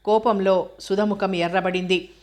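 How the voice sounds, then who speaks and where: A woman reading a novel aloud as an audiobook narrator. Her delivery is steady and flat, with little rise or fall, at a middling pitch. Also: measured pace.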